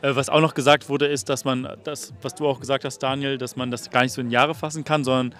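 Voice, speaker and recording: A man interviewing colleagues outdoors at a summer party, asking questions in a relaxed way with many fillers. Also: mid-range voice, quick pace, faint music behind. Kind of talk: casual interview.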